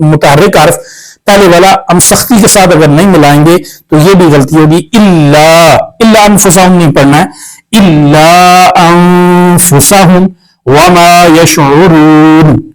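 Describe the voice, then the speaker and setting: A fairly high-voiced man with a Pakistani Urdu accent, teaching Quran recitation step by step. He spells out letters and vowel marks, stretches the sounds out slowly, then explains each rule in a quick, matter-of-fact way. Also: poor audio. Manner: slow drawn-out syllables when reciting, brisk when explaining.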